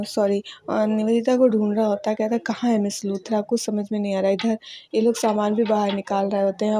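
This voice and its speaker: A woman's voice: mid-range voice, warm tone, a little hiss or hum. A woman casually recapping a TV serial episode, meandering with fillers.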